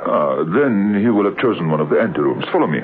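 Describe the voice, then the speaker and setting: An actor playing a suave, amused, urbane aristocratic baron in an old radio thriller. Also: male voice, deep voice, very animated, fast. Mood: brisk. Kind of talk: old radio drama acting. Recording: very noisy, narrow-band old radio recording.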